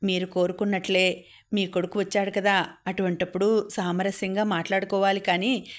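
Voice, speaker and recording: Woman reading as a gentle patient mother. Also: medium pitch, level tone, moderate pace, natural voice.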